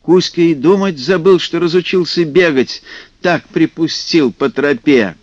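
Expressive male fairy-tale narrator with a high-ish lively voice, dull dry recording. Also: unhurried, no room sound. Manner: animated, acting out character voices. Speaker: storyteller.

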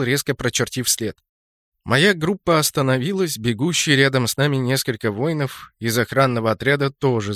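A man narrating a fantasy game novel in a steady storytelling voice, lifting it sharply for shouted lines. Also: mid-range voice, no room sound, studio quality. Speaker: audiobook narrator.

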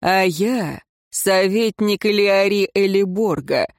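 A man's voice: high-pitched, slow pace, dry recording. A man reading an audiobook and voicing a stern royal councillor who speaks dryly and curtly. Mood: cold. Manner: dry, curt.

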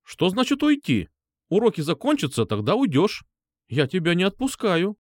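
In an exaggerated, high voice with huge pitch swings and a moderate pace, a man plays a stern, exasperated woman schoolteacher scolding a pupil, pitching above his natural voice. The recording is dry and studio quality.

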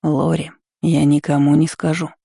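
A stern, proud male dragon lord, as a woman puts him on, speaking slowly and curtly with a low, gravelly edge. His tone is dark and mellow, recorded dry and close with no room sound. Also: little pitch movement, dry recording, exaggerated voice. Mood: firm. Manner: curt, commanding, unyielding.

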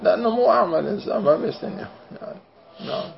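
A Levantine-accented sheikh teaching an informal lesson, his voice deeply gravelly. He drifts into chatty anecdotes between points. The recording is dull and lo-fi, with a faint hiss underneath. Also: animated, very fast. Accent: Levantine Arabic. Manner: chatty, digressive, everyday anecdotes. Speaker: sheikh teaching Quran commentary.

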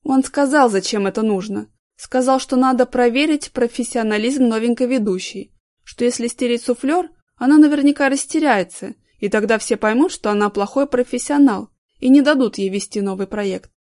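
A woman's voice: on the high side, normal speed, close to an everyday voice. Woman voicing a cocky, defiant young man. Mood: confessing. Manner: unruffled, then shouting back.

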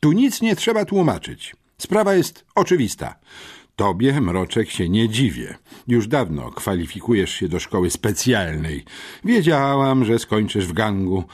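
A man's voice: lowish voice, sing-song, a little slow, breathy edge, full character voice. A man voicing a cold, stern female school headmistress who scolds pupils in an audiobook. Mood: stern scolding. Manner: cutting, scolding. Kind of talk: audiobook character voice.

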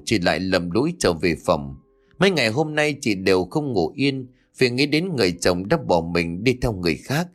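A male storyteller reading a ghost story with expressive cadence. His pitch moves in lively arcs, and soft music plays behind him. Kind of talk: dramatic story narration.

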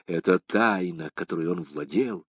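A man narrating a historical adventure novel as an audiobook, in an expressive, dramatic reading. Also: low voice, moderate pace, breathy edge, no echo.

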